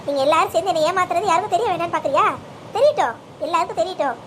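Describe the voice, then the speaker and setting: Cartoon mother, furious and bitter, voiced by a woman; high, fast, demanding, noisy track. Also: a bit bright. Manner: bitter, accusing, issues demands. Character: furious betrayed mother, middle-aged woman.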